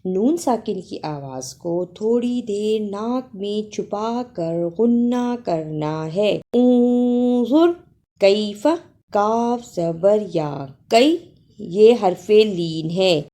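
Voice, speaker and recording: A woman teaching Quran recitation. She chants verses slowly and melodically, then explains the pronunciation quickly, letter by letter. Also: medium pitch, lively intonation, dark tone. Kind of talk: tajweed lesson, chanted recitation with spoken explanation.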